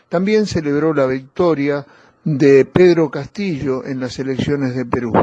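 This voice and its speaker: A man reporting as a radio correspondent in a measured, formal news-reading delivery. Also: mid-range voice, a little mellow, a little hiss or hum. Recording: dry, muffled lo-fi audio.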